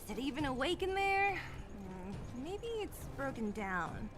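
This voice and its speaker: A woman voicing a calm, curious young traveler in a game, quiet and wondering. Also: sits high, a little slow, background noise. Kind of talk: game voice acting. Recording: game audio with music.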